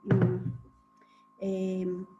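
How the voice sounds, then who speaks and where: A woman lecturing students on clinical topics, explaining step by step and often checking in with a quick question. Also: medium pitch, monotone, over loud music. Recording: dull lo-fi recording with faint hum.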